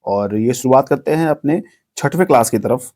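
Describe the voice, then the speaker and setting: A man's voice: mid-range voice, lively intonation, normal speed, mellow. A young man teaching an exam-prep grammar lesson with a north Indian Hindi accent, asking each question and then repeating the answer for drilling. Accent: Hindi-speaking north Indian.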